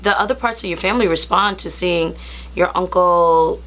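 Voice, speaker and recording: Low-voiced woman hosting an interview. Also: normal speed, fairly bright tone. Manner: encouraging, with many affirming fillers. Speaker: interview host. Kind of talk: casual interview.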